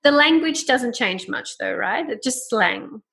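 A woman's voice: sits high, expressive, a little slow, sharp tone. A young woman hosting a podcast in casual chat, chatty and laughing often as she mimics phrases. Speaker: podcast host.

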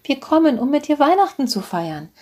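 A woman's voice: high voice, sing-song, darkish tone, voice pushed up. Woman reading as a pushy cheerful mother. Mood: cheerful, bossy. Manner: bossy, brisk, scolding.

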